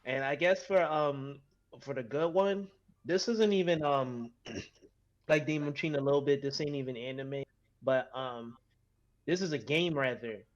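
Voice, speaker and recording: A man's voice: mid-range voice, unhurried, lo-fi sound. A man co-hosting a podcast in casual, slangy conversation about anime. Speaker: podcast co-host.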